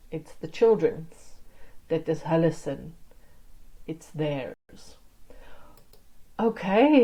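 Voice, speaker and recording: A woman's voice: fairly low pitch, warm tone, poor audio. A woman teaching an online grammar lesson, explaining step by step in an encouraging way. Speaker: language teacher.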